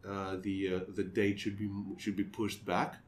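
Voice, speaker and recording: Halting young man, fairly low voice. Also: flat delivery. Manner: halting, repeats fillers a lot. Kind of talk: casual chat.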